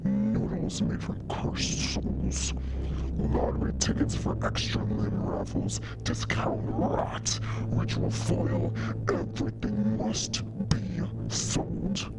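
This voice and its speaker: A woman voicing an ancient, scheming male tentacle monster who runs a shop, her voice run through a voice changer that keeps morphing its pitch; she lays down rules pompously, like a tyrant. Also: big pitch swings, slow, vocal fry, loud music behind the voice, exaggerated voice, poor audio. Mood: domineering. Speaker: gamer voicing a game character.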